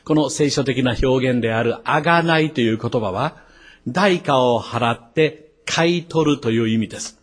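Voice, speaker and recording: A man, a pastor, preaching a sermon, lifting his voice sharply on key words and dropping into quick asides. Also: mid-range voice.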